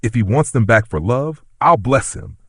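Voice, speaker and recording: A man's voice: medium pitch, lively intonation, moderate pace, a bit bright, slightly rough, no echo, studio quality, pitched above the performer's own voice. A man reading the lines of a dying elderly millionaire father in a story narration. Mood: defiant.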